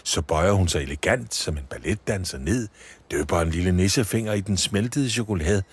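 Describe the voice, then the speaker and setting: A man reading a Christmas story for children, with expressive storybook narration. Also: low voice, breathy edge.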